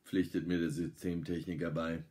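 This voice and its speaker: A middle-aged man reading a story aloud, lively and dramatic, lifting his voice for the characters' lines. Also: deep voice, normal speed.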